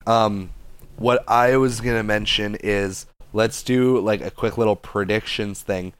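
A man with a fairly low voice chats about video games in a loose, rambling way. He leans on "like" constantly and gets excited easily. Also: a little slow, smooth, no echo. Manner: rambling, heavy use of "like", excitable. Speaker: podcast co-host.

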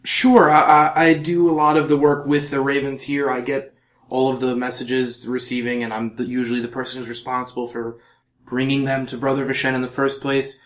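A man's voice: medium pitch, flat delivery, brisk, reverberant, natural voice. A man putting on a dreamy elf clerk. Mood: dreamy, helpful. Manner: dreamy, airy and far-off way of talking. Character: dreamy, soft-spoken male elf monastery clerk.

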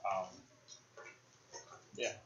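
A man's voice: drawn-out words, a bit bright. A young man hosting a podcast, chatting casually about films, rambling and speculating with many fillers. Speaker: podcast host. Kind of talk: casual film discussion. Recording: roomy, dull lo-fi podcast audio.

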